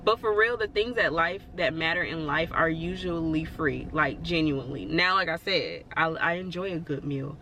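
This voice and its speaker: Chatty bright-voiced woman vlogger. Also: low-pitched, normal speed, few pauses, a little hiss or hum. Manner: chatty and rambling, full of "like" and "you know"; encouraging, reassuring. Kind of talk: casual motivational talk to camera.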